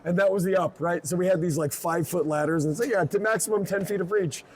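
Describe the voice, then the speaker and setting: A man being interviewed at a convention, talking in a rambling, excited way, correcting himself and laughing often. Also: high-pitched, fast talker, slight background noise. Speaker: event organizer interviewee.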